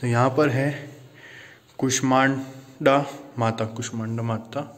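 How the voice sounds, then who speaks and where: A man's voice: mid-range voice, fairly even intonation, takes it slowly. A man vlogging as he walks through a man-made underground temple cave, often exclaiming and mixing English into his Hindi, recorded on a handheld phone. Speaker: travel vlogger. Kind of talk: walking tour vlog narration.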